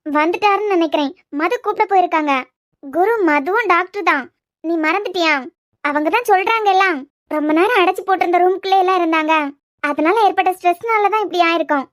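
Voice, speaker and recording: A woman's voice: very high-pitched, fairly quick, dry recording, clean studio sound. A woman voicing chatty young women in a family cartoon, fussing with gossipy asides, with a Kanyakumari Tamil accent. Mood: reassuring. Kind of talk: cartoon web series voice acting.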